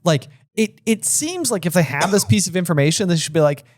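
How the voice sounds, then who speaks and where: Chatty higher-voiced man co-hosting a podcast. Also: lively intonation, fairly quick, no echo, clean studio sound. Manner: rambling, heavy use of "like", restarts. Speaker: podcast co-host. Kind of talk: casual book-discussion chat.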